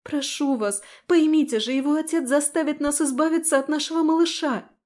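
Lady doing feisty young heroine voice, higher up, mellow, storybook. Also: brisk, natural voice. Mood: pleading. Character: pleading, spirited young heroine. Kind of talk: audiobook character voice.

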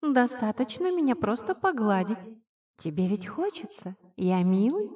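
A woman narrating an audiobook performs a cheeky, invisible male spirit who turns into a tiny kitten with wings. He speaks in a nasal whisper, condescending and sulkily teasing. Her voice sits on the high side, very animated yet measured, and a little mellow.

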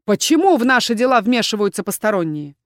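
A woman's voice: mid-range voice, big pitch swings, fast, dry recording, studio quality, natural voice. A woman voicing an arrogant, spiteful young nobleman in an audiobook. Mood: indignant. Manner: sneering, spiteful. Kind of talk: audiobook narration.

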